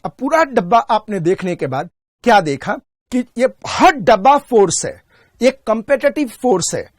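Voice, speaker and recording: A man teaching an exam-prep class in a recorded online lecture. He drills each point by asking a question and answering it himself, and he slows right down on key terms. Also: high-pitched, big pitch swings, dry recording, studio quality.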